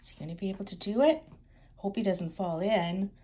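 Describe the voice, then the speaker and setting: An elderly woman with a grandmotherly storytelling style reads a picture book aloud. Her pitch is ordinary for a woman, and she speaks expressively, straight to small children, adding chatty little asides. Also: brisk, slight background noise. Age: older. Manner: expressive, talking directly to young children.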